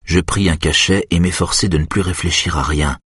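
A man narrating a literary novel in the first person, with a calm, measured reading. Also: deep voice, breathy edge, no room sound, studio quality. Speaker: audiobook narrator.

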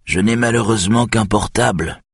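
A man voicing a sly, capricious older male former TV host with a raspy, mocking way of talking. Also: lowish voice, normal speed, no room sound, studio quality, voice pushed up. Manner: taunting, mocking.

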